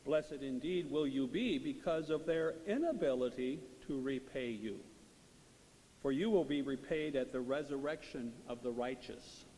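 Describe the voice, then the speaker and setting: A man speaking as a priest in a liturgical reading and homily, measured, solemn and deliberate in his phrasing. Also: medium pitch, warm tone. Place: large reverberant church. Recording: echoing church hall, long reverb, hiss.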